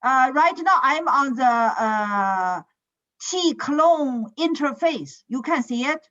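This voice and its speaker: Slow-talking woman lecturing in a screen recording. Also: sits high, expressive, fairly bright tone, highs cut off. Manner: slow, with frequent "is it?" checks and "uh" fillers. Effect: screen-recorded online lecture audio. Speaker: computer science lecturer. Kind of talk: online class lecture. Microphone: computer mic on a video call.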